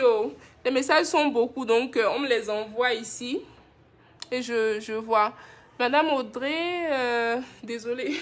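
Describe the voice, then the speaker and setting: A fairly high, fairly bright voice belongs to a Beninese woman hosting a skincare brand's live stream. Affectionate and talkative, she reads viewers' comments aloud, responds to their skincare questions, and laughs frequently.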